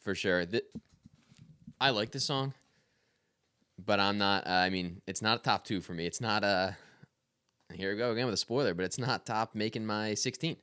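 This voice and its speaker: A man's voice: lowish voice, moderate pace, long pauses, sharp tone, clean tone. A man co-hosting a podcast, chatting casually about an album in an easygoing way and laughing easily. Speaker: podcast co-host. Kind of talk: casual music review chat.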